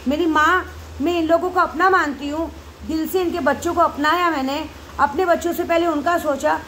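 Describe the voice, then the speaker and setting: A high-pitched woman carrying talks straight to her followers. She goes round in circles, emotional and repetitive. Faint background noise sits under her voice. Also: steady tone, moderate pace, a bit bright, poor audio. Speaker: devotee leading night prayers. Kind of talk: casual monologue to followers.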